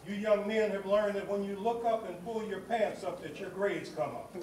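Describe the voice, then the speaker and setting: A man with a high-pitched voice delivers a commencement address in a large hall. He speaks in a rhythmic, oratorical way, stacking repeated phrases. The recording has a heavy echo. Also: fairly even intonation, normal speed, darkish tone. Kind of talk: commencement speech. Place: large hall at a graduation ceremony. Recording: echoey hall recording from far off with noise.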